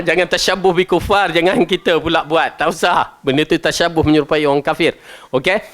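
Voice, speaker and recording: A man with a Malaysian Malay accent gives a Quran commentary lesson in a high voice. He is chatty and animated, dropping from loud stressed words to quiet asides and putting questions to his listeners. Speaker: religious teacher.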